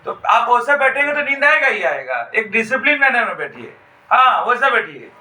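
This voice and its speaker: High-voiced bright male teacher. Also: big pitch swings, reverberant, far from the mic, soft background music, rough recording. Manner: dictates slowly, repeats phrases, asks students questions. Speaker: physics teacher. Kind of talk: classroom lecture. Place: classroom.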